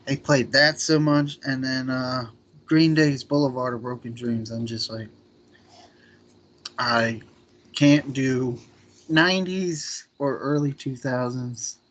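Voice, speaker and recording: A man's voice: medium pitch, fairly even intonation, takes it slowly, fairly bright tone, muffled recording. A man in his thirties co-hosting a podcast, chatting casually and often trailing off mid-sentence. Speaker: podcast co-host. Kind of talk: casual chat.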